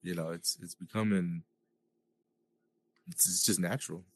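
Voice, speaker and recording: A man's voice: low voice, fairly even intonation, normal speed. A man co-hosting a podcast, chatting in a laid-back way through a VR headset mic. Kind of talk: casual chat.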